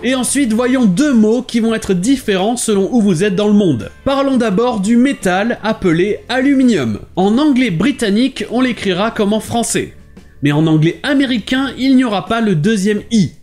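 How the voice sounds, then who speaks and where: High, lively male language teacher. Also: normal speed, soft background music. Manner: clear, didactic delivery, switching between languages. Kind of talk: short explainer lesson.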